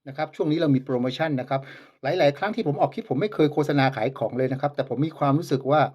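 A man's voice: on the high side, lively intonation, rapid-fire, highs cut off. A man who makes flutes, demonstrating and selling them in a casual vlog, polite but scornful of his rivals. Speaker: flute maker.

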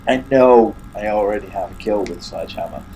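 A fairly low, mellow male voice talks quite quickly over a rough recording with a little hiss or hum. He's an English gaming YouTuber from England doing casual let's play commentary on a horror game, muttering and grumbling to himself through a stuffy nose and hiccups.

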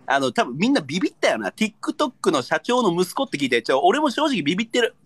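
A man's voice: sing-song, fast, husky, dry recording. A man with a Kansai accent, bantering and teasing on a casual livestream, pleading and mock-angry by turns. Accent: Kansai Japanese. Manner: pleading, teasing, loud swings in pitch.

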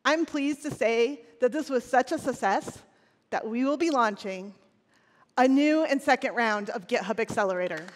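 Woman, 40s, keynote presenter on a big stage; earnest scripted delivery, slightly high voice, lapel mic in a reverberant hall. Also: moderate pace, a faint crowd. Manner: scripted, earnest, occasional restarts. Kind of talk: conference keynote speech. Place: large stage in a conference hall. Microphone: headset or lapel mic on stage.

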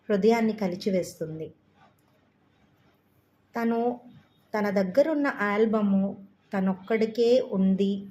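A woman storyteller reads an audiobook story aloud. Her narration is calm and measured. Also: medium pitch.

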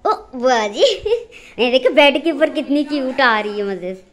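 A woman, narrating a casual home vlog in a fond, chatty way. Her voice sits fairly high for a woman. She is recorded on a handheld phone indoors at home. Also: sing-song, measured pace. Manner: chatty, affectionate, talks fondly to the cats. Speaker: vlogger. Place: home kitchen and rooms, indoors.

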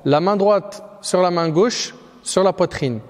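A man briskly narrating a video demonstration of a prayer, talking directly to his viewers. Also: high voice, in a large hall. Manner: brisk, direct, opens with formal greeting. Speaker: religious teacher.

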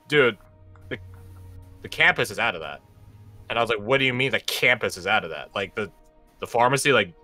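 A man's voice: medium pitch, bright, forceful tone, dry recording. Rambling young man running the game. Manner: rambling storyteller, many fillers and restarts. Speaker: game master. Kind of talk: casual chat, running a tabletop game.

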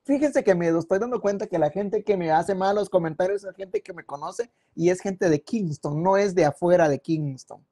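A man's voice: high voice, moderate pace, hardly any pauses, warm tone. A man chatting casually on a live stream, reading viewer comments aloud and rambling from topic to topic. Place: home, at a computer.

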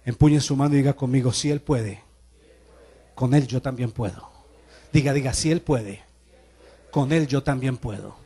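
A man's voice: mid-range voice, normal speed, long pauses, mellow, slightly rough. A man preaching a sermon as pastor, exhorting his congregation and leading them in repeated call-and-response declarations. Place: church service.

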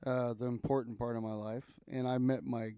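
A man's voice: medium pitch, flat delivery, brisk, warm tone, smooth, no room sound. A man with a lisp, co-hosting a music livestream in rambling, joking casual chat. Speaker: co-host and musician.

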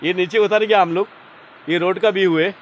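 A man filming a casual travel vlog outdoors by a loud waterfall, excited and jokey, often repeating himself. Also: sits high, normal speed. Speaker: vlogger. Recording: noisy outdoor recording. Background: waterfall roar and ambience.

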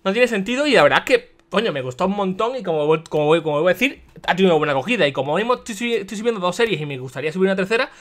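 A young man with a Spain Spanish accent commentating his own gameplay, excitable, swearing and shouting at the game. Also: sits high, rapid-fire, few pauses. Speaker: gaming video host. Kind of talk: let's play commentary.

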